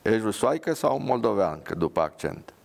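A man's voice: on the low side, very animated, vocal fry. A man voicing a bitter, paralysed young soldier who speaks angrily and sarcastically. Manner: angry, sarcastic.

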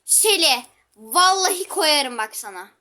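A woman with a high, bright voice narrates her own gameplay, chatting to viewers and exclaiming at every turn. Her talk is loose and lively, with sharp bursts when the match gets tense. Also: slow pace. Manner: chatty, exclaiming, talks to viewers while playing. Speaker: gaming channel host. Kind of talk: live gameplay commentary.

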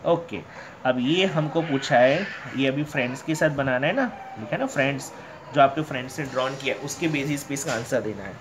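Math teacher with faint background hiss. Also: male voice, medium pitch. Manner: repeats questions and answers them himself, addresses pupils as beta; reads textbook lines out slowly in English. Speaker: primary school math teacher. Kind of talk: classroom lesson explanation.

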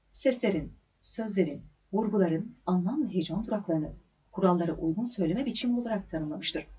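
Woman, diction instructor, breathy mellow voice, deliberate stresses and pauses, slightly muffled recording. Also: mid-range voice. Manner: clear, measured delivery with deliberate stresses and pauses. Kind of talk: scripted lecture on diction.

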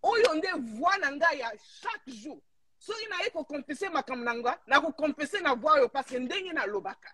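Indignant Congolese woman, high voice, heated live-stream rant. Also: lively intonation, moderate pace, crowd noise. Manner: emphatic, indignant, switches into Lingala.

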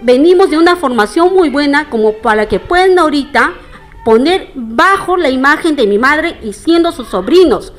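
A woman's voice: high-pitched, lively intonation, moderate pace, soft background music. A middle-aged woman making an indignant, formal public statement, addressing her townspeople directly. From Peru. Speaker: interviewee.

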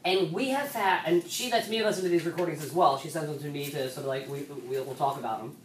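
Low-voiced woman rowing coach in an echoey room. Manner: conversational, many restarts and "so"s, brisk stretches. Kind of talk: rowing coach giving an instructional talk. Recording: echoey room, mic at a distance, faint background noise.

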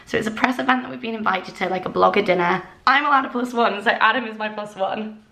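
Young woman vlogger, casual, excitable, friendly chatter; handheld camera sound. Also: medium pitch, fast, creaky. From England. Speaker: lifestyle vlogger. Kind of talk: casual vlog chat to camera. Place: home kitchen and bathroom, indoors. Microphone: handheld camera at arm's length.

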